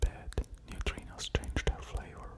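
A man in his thirties giving a whispered ASMR lecture, slow and deliberate, very close to studio microphones at the ear. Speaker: ASMR creator explaining physics. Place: small quiet room at home, indoors. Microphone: pair of studio condenser microphones with pop filters, very close.

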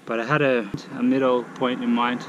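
A breathless young man vlogs his cycling climb, talking in strained bursts between breaths. He speaks into an action camera on the bike, out on an open mountain road. Loud wind and road noise roar over the voice. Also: medium pitch, flat delivery, brisk, muffled recording. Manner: strained, panting self-talk between climbs. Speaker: vlogger.

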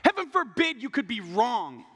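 High, bright-voiced young preacher. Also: male voice, normal speed. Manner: passionate, animated, acts out what people say. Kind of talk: sermon. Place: large church stage at a pulpit. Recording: long reverb of a large hall.

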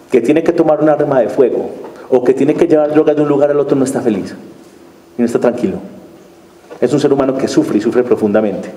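A man's voice: medium pitch, dark tone. A man giving a conference lecture, engaging the audience with rhetorical questions and a frequent tag question. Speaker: conference speaker. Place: conference hall. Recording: echoey hall, faint background noise.

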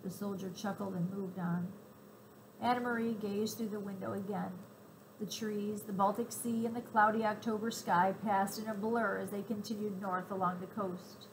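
A woman's voice: mid-range voice, steady tone, normal speed, a little hiss or hum, low-quality recording. Woman reading a chapter book aloud. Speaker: reader. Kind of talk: storybook read-aloud narration.

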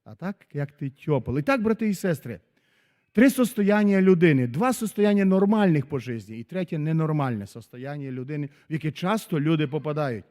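A man preaching a sermon as a pastor, dramatic, swinging from loud exclamations to very soft asides. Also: on the high side, lively intonation, brisk. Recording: long hall reverb.

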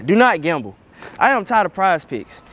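A man's voice: high-pitched, sing-song, normal speed, a bit bright, a little hiss or hum. A young man chatting casually and playfully in slang for a street vlog, swearing often. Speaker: vlogger.

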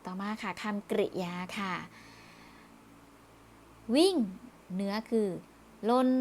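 A woman's voice: on the high side, slight background noise. A woman teaching primary school children in a recorded review lesson, speaking patiently, repeating words and closing phrases politely.

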